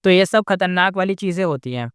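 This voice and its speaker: High-voiced chatty male storyteller. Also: a little fast, fairly bright tone, smooth, no echo, clean studio sound. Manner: chatty, talks straight to listeners. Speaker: storyteller explaining a novel. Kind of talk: casual story retelling.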